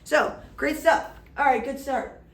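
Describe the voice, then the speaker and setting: An energetic woman teacher giving an upbeat, chatty classroom lecture. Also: high voice, unhurried, recorded from a distance. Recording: echoey room.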